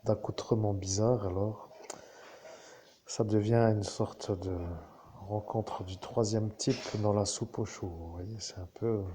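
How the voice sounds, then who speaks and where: Man, lowish mellow voice, unhurried; rambling spiritual talk, drifts off on asides. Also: fairly even intonation, slight background noise. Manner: digressive, musing, with asides and self-corrections. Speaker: spiritual speaker addressing listeners.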